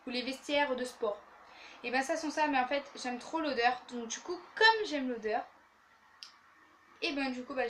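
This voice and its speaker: A young woman with a fairly high voice talks through her finished beauty products in a chatty, rambling way, tired and tripping over words. She films herself at home by an open window, and there is a faint hiss under her voice. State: tired after a day of classes. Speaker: beauty vlogger. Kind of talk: casual product-review chat. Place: bedroom facing an open window, street traffic outside. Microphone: handheld camera without tripod.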